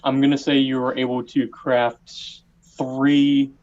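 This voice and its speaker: A man's voice: medium pitch, little pitch movement, a little mellow, highs cut off. A man acting as game master, narrating a tabletop game in an easygoing way with many fillers. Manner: slow, easygoing, hesitant with fillers.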